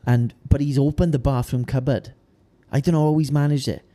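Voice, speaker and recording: A young man from the South Wales valleys, with a Welsh Valleys accent, chats in a laddish, colloquial way and shares anecdotes. He co-hosts a podcast and bodybuilds as an amateur. His mid-range voice is warm, fairly even in intonation and a little fast.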